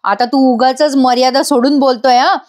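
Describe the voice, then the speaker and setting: A woman voicing a young husband who shouts in defence of his wife. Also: high-pitched, steady tone, normal speed, close to an everyday voice. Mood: shouting defensive. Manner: shouting, protective.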